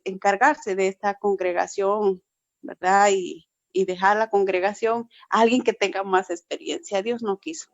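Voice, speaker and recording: A woman pastor from Peru, with a mid-range voice, gives a heartfelt testimony to a forum on a video call, returning to the same points and saying "verdad" again and again. Her recording is muffled and lacks any room sound.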